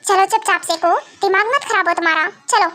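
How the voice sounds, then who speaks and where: A woman's voice: very high voice, brisk, bright, forceful tone. Brief: woman reading a brusque young man, curt and impatient, fan drama. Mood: bossy. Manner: curt and bossy.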